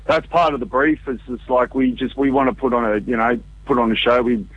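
A man, a musician giving a casual, halting interview over a muffled phone call. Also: mid-range voice, fairly even intonation, slightly rough. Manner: informal, halting. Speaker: punk band musician being interviewed. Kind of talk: casual chat. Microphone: phone call to radio show. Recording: dull, band-limited phone call.

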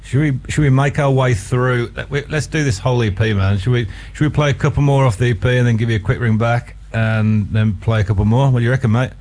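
A man's voice: mid-range voice, steady tone, fast talker, few pauses, darkish tone. A man co-hosting a radio show, chatting casually in a matey, informal way. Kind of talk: casual chat.

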